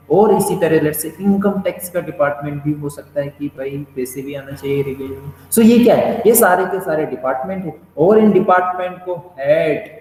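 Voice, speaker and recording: Male lecturer, a touch high-pitched, question-driven delivery, echoey room with faint noise. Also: a little mellow. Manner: explains with repeated questions and "bhai sahab" asides, mixing English phrases. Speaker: teacher. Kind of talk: classroom lecture.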